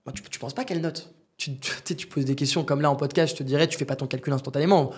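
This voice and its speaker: Fast-talking husky young man. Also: fairly high pitch. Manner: animated, acts out dialogue, uses slang and asides to the host. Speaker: guest, business founder. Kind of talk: casual podcast storytelling.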